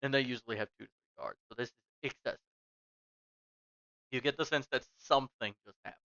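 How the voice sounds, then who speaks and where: A game master narrating a tabletop game casually, in halting, improvised phrases. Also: medium pitch, pushed and bright, no room sound, lo-fi sound.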